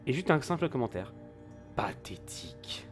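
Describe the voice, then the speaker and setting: A man with a mid-pitched voice leads a tabletop role-playing game. He improvises narration and questions players, searching for words, with music underneath. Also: animated, normal speed. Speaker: game master. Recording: music behind the voice.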